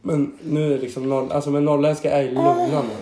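Hoarse young man from northern Sweden. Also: fairly high pitch, level tone, warm tone. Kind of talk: casual chat. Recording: roomy echo.

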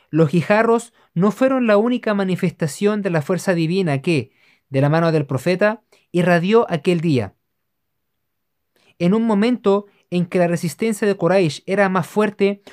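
A narrator giving a steady, measured scripted reading of religious history. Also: medium pitch.

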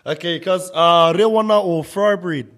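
A man's voice: high voice, normal speed, fairly bright tone. A man with a New Zealand Māori English accent, bantering casually as a jokey, teasing podcast co-host.

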